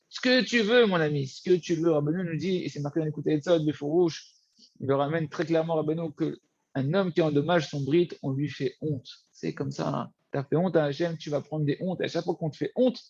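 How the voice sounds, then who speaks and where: A man teaching a Torah lesson, lively and repetitive, often addressing his listeners as friends. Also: on the high side, no room sound, lo-fi sound. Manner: animated, repeats words, addresses listeners as friends. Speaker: rabbi teaching.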